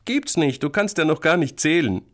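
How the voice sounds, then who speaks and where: Cheeky older sister teasing her little brother, guy doing the voice, lively, storybook. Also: mid-range voice, normal speed, gravelly, pitched above the performer's own voice, heavily acted.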